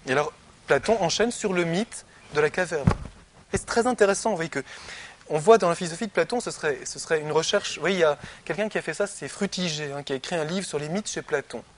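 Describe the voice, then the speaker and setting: Lecturing man with a slightly high voice. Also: quick pace. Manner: conversational, peppered with "hein" and "vous voyez". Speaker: philosophy lecturer. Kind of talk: classroom lecture.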